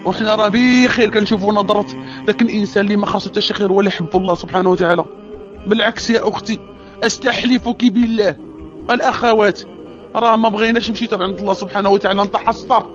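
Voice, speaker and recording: A woman's voice: medium pitch, steady tone, racing, lo-fi sound, faint music behind. Impassioned Moroccan woman preaching. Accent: Moroccan Arabic. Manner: impassioned, pleading, rhetorical questions. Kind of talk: religious exhortation to women.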